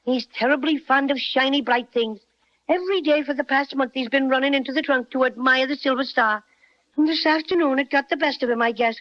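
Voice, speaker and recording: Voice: high-pitched, brisk, lightly acted. An actor playing a small, cheerful male teddy bear with an Irish brogue, chatty and polite. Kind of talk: 1930s radio acting. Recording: dull old radio recording.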